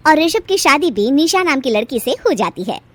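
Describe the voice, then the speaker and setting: A woman narrating a moral story in a plain, steady storytelling manner. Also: high-pitched, moderate pace, dry recording. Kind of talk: scripted narration.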